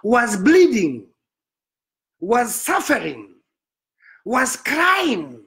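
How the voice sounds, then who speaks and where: A solemn, self-important male prophet, as a man puts him on, preaches in broken English with a Nigerian accent. His voice rides high and swings widely from word to word. He stretches out every phrase in a slow, grand sermon. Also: wildly swooping pitch, creaky, a bit bright, exaggerated voice. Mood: preaching. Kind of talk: comic sermon.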